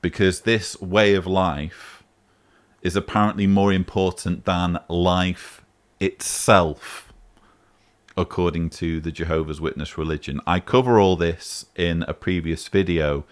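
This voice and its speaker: Deep-voiced and steady in tone, a vlog host speaks a little slowly as he replies to a voicemail. His casual commentary is emphatic and argumentative, climbing sharply on the key points.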